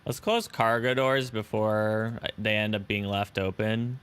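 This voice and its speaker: This young live streamer keeps up casual chat and thanks subscribers while flying a simulator. He sounds unhurried, his lowish voice a bit bright with a clean tone.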